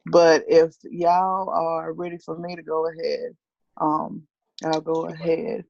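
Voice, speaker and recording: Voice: mid-range voice, completely flat delivery, takes it slowly, creaky, a little mellow, dry recording, highs cut off. A teacher on a video call, chatty and self-deprecating, laughing often while talking. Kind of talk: casual video-call discussion.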